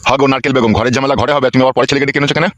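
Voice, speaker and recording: A man voicing a gruff, bossy village father-in-law in a comedy cartoon. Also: mid-range voice, steady tone, racing, fairly bright tone, slight background noise, natural voice. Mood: scolding.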